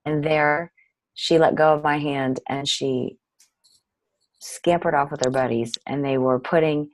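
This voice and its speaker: A woman's voice: sits low, fairly even intonation, a little slow, no echo, poor audio. A middle-aged woman, a nonprofit director, telling her story earnestly as an interview guest.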